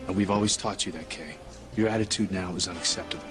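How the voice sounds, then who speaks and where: Fair-minded soap father man acting, middle-aged, reproving and earnest, slightly deep, over clear music. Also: fairly even intonation, quick pace, close to an everyday voice. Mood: firm, reasoning. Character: firm, fair-minded father of grown daughter. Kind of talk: television soap opera drama acting.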